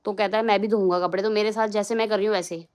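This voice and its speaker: A woman's voice: medium pitch, steady tone, racing. A young woman from Uttarakhand, India, chatting casually in a home vlog and now and then scolding her small son. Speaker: vlogger. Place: home, indoors.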